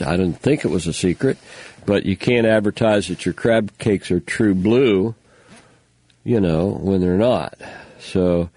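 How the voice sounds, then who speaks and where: An older man hosts a local radio show, chatting on air and reading news items in a folksy, rambling manner full of fillers. His low, dark voice sounds stuffy from a blocked nose, and the recording is dry.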